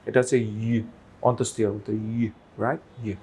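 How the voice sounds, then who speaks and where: Low-ish and flat in delivery, this Bangladeshi teacher's voice is a little mellow with a slightly rough texture. Teaching English pronunciation at an unhurried pace, he stretches the model words long and frequently asks "right?".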